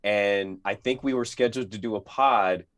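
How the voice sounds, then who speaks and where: Nasal low-voiced podcast co-host man. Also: normal speed, fairly bright tone. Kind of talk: casual sports podcast chat.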